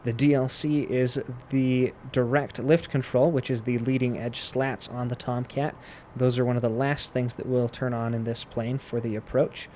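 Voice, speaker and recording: A man with a mid-pitched voice walks through a flight sim procedure as he plays. He explains each step casually, in the way of a tutorial. Aircraft simulator noise sits faintly to clearly behind his voice. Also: flat delivery, moderate pace, few pauses, a little mellow. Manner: explains step by step while playing. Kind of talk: casual instructional gameplay commentary.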